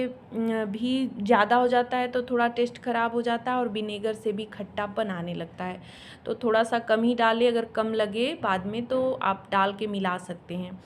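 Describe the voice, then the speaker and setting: A woman's voice: fairly high pitch, slight background noise. A woman, a mother, narrating her home vlog in a chatty, explanatory way with homely asides. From India. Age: adult mother. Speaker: home vlogger. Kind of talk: casual voice-over narration of a home cooking and cleaning vlog.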